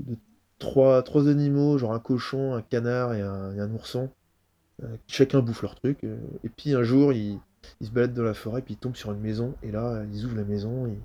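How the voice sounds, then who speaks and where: Halting, mellow-voiced man. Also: medium pitch, slightly rough, highs cut off. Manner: halting, many restarts while thinking aloud. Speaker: guest improviser. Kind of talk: casual interview chat.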